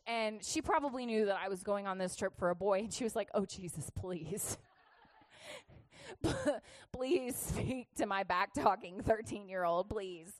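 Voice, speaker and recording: Brief: female youth pastor, high voice, chatty comic testimony, laughs a lot, dry close sound. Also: dry recording. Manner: chatty and animated, laughing often. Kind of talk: humorous testimony sermon.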